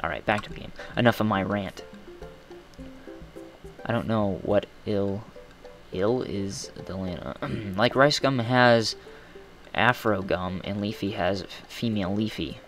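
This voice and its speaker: A man's voice: lowish voice, a little slow, pauses often, fairly bright tone, soft background music. A young man streaming a game, reading chat aloud and rambling in self-deprecating asides. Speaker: gaming streamer.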